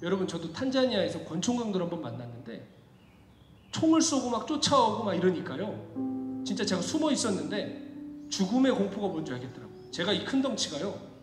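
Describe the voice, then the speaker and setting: A man preaches a sermon in a high, ringing voice, telling a story dramatically and swinging from hushed tones to shouting. The sound rings out in a big, echoing church hall. Faint instrumental music plays in the background. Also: very animated, a little fast. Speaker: pastor. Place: church sanctuary.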